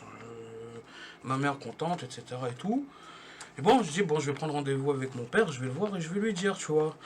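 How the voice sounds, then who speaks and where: A man's voice: on the high side, lively intonation, brisk, noisy background. A young man doing a stand-up comedy monologue at home, telling a rambling slangy story full of restarts.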